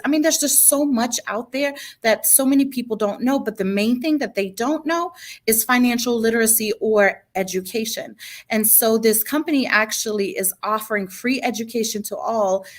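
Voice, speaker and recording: A woman's voice: a little high, fairly bright tone. A woman in her late thirties from Bosnia, a guest business consultant telling her story in a panel talk. She speaks earnestly and eagerly, with many fillers.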